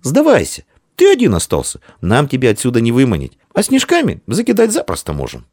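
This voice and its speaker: A man's voice: mid-range voice, wildly swooping pitch, brisk, a little mellow, breathy edge, dry recording, clean studio sound, pitched above the performer's own voice. A man voicing a bold, mischievous girl who leads a snowball fight. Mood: triumphant. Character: bold red-haired girl leader, mischievous.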